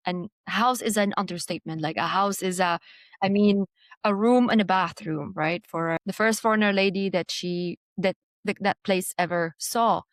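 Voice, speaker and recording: A woman from Jordan looks back on her childhood as an interview guest, mid-pitched and unhurried, pausing often with small fillers and restarts. The recording is close and dry, with almost no room sound. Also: dry recording. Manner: reflective, hesitant with many fillers and restarts. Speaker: design executive guest. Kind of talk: conversational interview storytelling.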